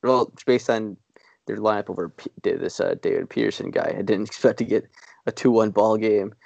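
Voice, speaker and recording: A man with a lowish, gravelly voice rambles through casual sports podcast talk. He is self-deprecating and often restarts his sentences. The sound is dry and close. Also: steady tone, a little fast, a little mellow, dry recording, lo-fi sound. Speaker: podcast co-host.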